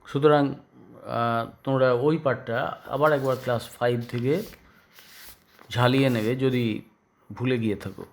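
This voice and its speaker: Slow, halting Bengali teacher, man. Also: mid-range voice, fairly even intonation, vocal fry. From West Bengal, India. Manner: slow, halting, repeats words for pupils. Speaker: school English teacher. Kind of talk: classroom grammar lesson.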